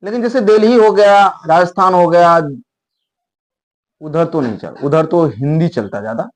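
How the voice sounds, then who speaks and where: A man's voice: a little high, moderate pace. Rambling Hindi-speaking English teacher, man. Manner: rambling, conversational explaining with restarts. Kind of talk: spoken English lesson in Hindi.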